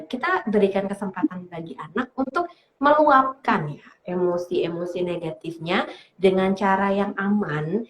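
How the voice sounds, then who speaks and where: A woman psychologist giving parenting advice on a talk show, speaking in a lively way, laughing often and acting out parents and children. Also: mid-range voice, slight background noise. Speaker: psychologist guest. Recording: roomy echo.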